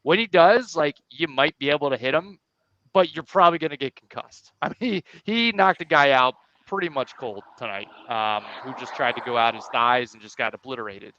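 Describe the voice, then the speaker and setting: A man co-hosting a sports podcast, giving quick, energetic game analysis in casual chat. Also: mid-range voice. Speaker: podcast co-host. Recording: dull lo-fi sound.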